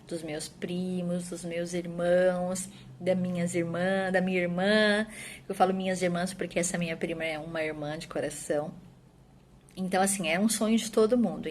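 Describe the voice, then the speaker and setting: Earnest low-voiced woman. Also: a little hiss or hum. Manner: earnest, tag questions, drops softer at phrase ends. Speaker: mother telling her story. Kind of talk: personal testimony answering questions.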